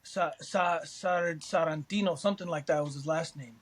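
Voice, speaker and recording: A man's voice: on the high side, normal speed. A man co-hosting a casual sports podcast, laid-back and rambling, swearing freely. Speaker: podcast co-host.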